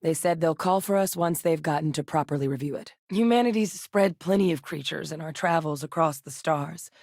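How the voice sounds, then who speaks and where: An actress voices a grave, dedicated woman scientist in a space-faring military for video game dialogue, speaking in a measured, articulate, businesslike way. Her voice is low and a little mellow, recorded studio-clean with no echo.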